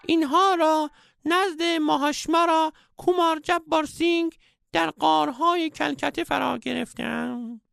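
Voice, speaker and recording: Squeaky old sage, bossy, prying, gravelly, lurching pitch. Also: male voice, steady tone, no echo, studio quality, soft background music, heavily acted. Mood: preachy. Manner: scolding, shouting, prying.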